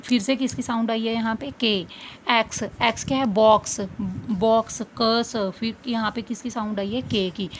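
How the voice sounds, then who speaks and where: A woman's voice: a little high, a little hiss or hum. Woman teacher quizzing on letter sounds. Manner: asks the class questions, then answers them. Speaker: English teacher. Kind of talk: explaining phonics step by step.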